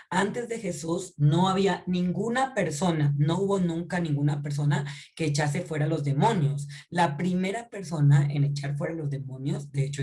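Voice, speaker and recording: A woman's voice: low voice, dark tone. A woman giving an informal Bible teaching. She talks conversationally, often checks in with her listeners and repeats or restarts phrases as she explains.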